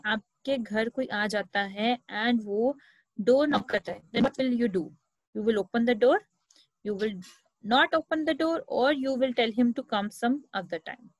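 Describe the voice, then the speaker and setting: A woman's voice: fairly high pitch, no room sound, low-quality recording. A woman teacher with an Indian English accent, taking young children through a lesson and asking them questions as she goes. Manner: asks the class questions, mixing Hindi and English.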